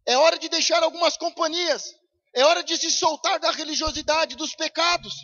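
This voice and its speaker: High-voiced preacher shouting pleas. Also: male voice, normal speed, highs cut off. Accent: Brazilian Portuguese, São Paulo. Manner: shouting urgent pleas, then dropping to low intense tones. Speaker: pastor. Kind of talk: fiery Pentecostal sermon. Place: church service.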